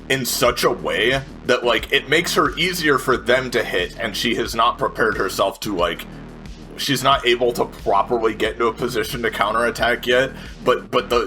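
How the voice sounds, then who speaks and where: A man playing a tabletop game thinks aloud and narrates his character's moves in colloquial, profane speech. His voice is on the low side, pushed and bright, and the low-quality recording has background music under it.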